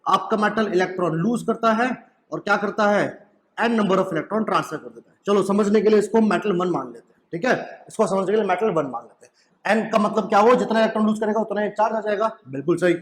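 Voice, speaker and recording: A man's voice: sits high, fairly quick. A young man giving a chemistry lecture to students, repeating his questions back to them and often asking "right?". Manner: mixes in English phrases. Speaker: chemistry teacher. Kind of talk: classroom lecture at a whiteboard.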